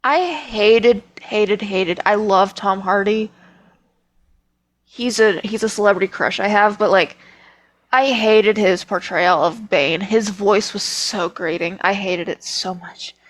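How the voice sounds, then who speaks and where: A woman's voice: medium pitch, slow, poor audio. Opinionated woman chatting on a podcast. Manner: opinionated, emphatic storyteller. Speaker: podcast co-host. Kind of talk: casual chat.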